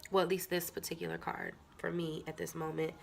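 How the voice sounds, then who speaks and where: A deep-voiced woman, very animated and brisk with vocal fry, reads tarot cards in a casual to-camera chat. Her nose sounds stuffy, she uses many fillers while addressing viewers directly, and slight background noise can be heard.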